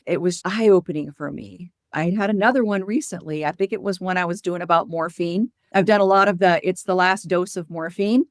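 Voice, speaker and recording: A woman's voice: on the low side, a little fast, few pauses, no room sound, clean studio sound. A woman speaking as an interview guest and hospice educator, telling anecdotes and explaining things in a candid, earnest, conversational way.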